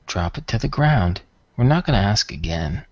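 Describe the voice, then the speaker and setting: A man voicing a gruff, blunt, coarse-mouthed mugger in a tabletop role-playing game. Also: on the low side, big pitch swings, normal speed, no echo, highs cut off. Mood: impatient menace. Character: gruff menacing male mugger in dark corridor.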